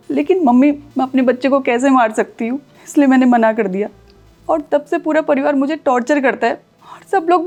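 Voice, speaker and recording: A married daughter pours out her grievances in a tearful, complaining voice, played by a woman. Her voice is high. Faint music plays under the scene. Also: a little mellow, close to an everyday voice. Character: upset married daughter, resentful. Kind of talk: Hindi short film acting.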